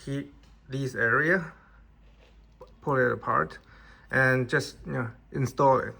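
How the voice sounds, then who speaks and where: A man's voice: medium pitch, slow pace, gravelly, bright, forceful tone, husky. A man, not an English speaker, casually reviewing an action figure in plain conversational talk with restarts. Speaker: toy reviewer.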